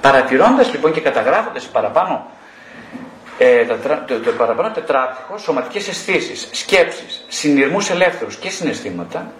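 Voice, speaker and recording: A man's voice: on the high side, very animated, reverberant, a little hiss or hum. A male psychotherapist giving an explanatory lecture, often posing rhetorical questions.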